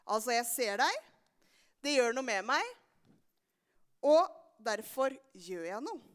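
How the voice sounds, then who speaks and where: A young woman tells a Bible story to a church gathering and turns it into a lively lesson. Her voice sits high, and she keeps drawing the listeners in with questions. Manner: animated, asks the audience questions often. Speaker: children's sermon leader. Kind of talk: lively storytelling sermon for a congregation.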